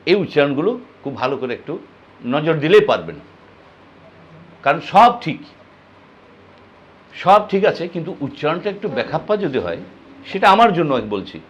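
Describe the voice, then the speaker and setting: A man giving a spoken music lesson, explaining pronunciation slowly and demonstrating words and short sung phrases. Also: fairly high pitch, sing-song, lo-fi sound. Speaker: music teacher.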